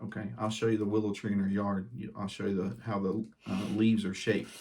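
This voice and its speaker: At home, a fishing channel host chats casually through a bait review in a lowish voice at a fairly quick pace. He's laid-back and talkative, with frequent ums and uhs.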